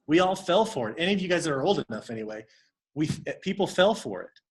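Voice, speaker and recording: A man's voice: a little high, sing-song, quick pace. A man coaching his team on a video call, talking conversationally and acting out sample dialogues. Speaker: network marketing team coach.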